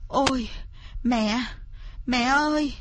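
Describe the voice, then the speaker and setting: A woman's voice: sits high, takes it slowly, a bit bright, a little hiss or hum, pitched above the performer's own voice. A gasping, suffering young son, acted by a woman. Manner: gasping, weak and complaining.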